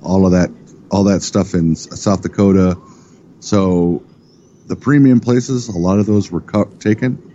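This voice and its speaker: A middle-aged man with a deep, dark voice talks casually as a guest, rambling and stopping to correct himself. The recording is dull and muffled, with a faint hiss underneath. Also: measured pace. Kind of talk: casual chat.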